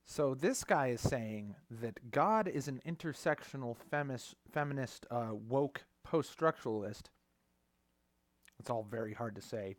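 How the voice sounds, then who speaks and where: A man's voice: medium pitch, no echo. A man reading an article aloud and mocking it in a sarcastic, profane commentary, often breaking off to scoff. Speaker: commentary vlogger.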